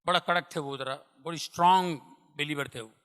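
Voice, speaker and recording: A middle-aged man preaching a sermon and sharing his testimony, speaking emphatically and repeating phrases as he swings from loud to hushed. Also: fairly high pitch, fairly quick, clean tone. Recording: long hall reverb.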